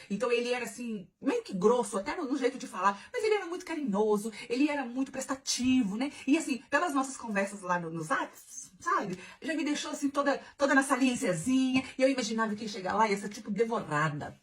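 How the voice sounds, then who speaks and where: Brief: Mineira woman vlogger, husky voice, rapid comic storytelling, giggly and bawdy. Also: a little high. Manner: animated, giggly, bawdy and confiding.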